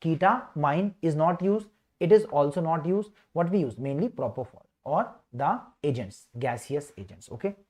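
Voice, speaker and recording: A man's voice: a little high, expressive, normal speed, a little mellow. A man with a North Indian accent teaching an exam revision class, repeating key words like a chant and prompting students with questions. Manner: mixes Hindi phrases into English. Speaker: medical teacher leading a revision session.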